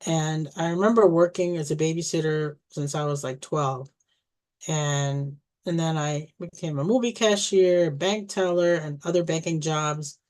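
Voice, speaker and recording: A low-voiced woman in her sixties, originally from Egypt, tells her life story as a family storyteller. She reminisces casually, often pausing and restarting, with soft laughs now and then.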